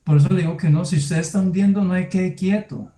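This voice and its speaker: A man preaches in a church, speaking straight to his listeners in a conversational tone. His voice sits a little high but sounds mellow and soft. The room adds clear echo around him. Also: fairly quick. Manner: tells lively personal anecdotes with sound words. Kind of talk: sermon. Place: church hall. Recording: echoey room.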